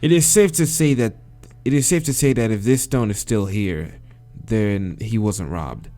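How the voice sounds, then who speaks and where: In a let's play of a visual novel, a man reads the dialogue aloud and mutters and swears hesitantly as he picks answers, then reads steadily. His voice is fairly low at a measured pace, with soft background music.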